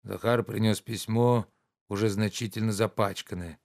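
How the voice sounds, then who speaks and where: A male audiobook narrator with a fairly low voice reads a classic novel. His delivery is measured and even, with a calm storyteller's pacing.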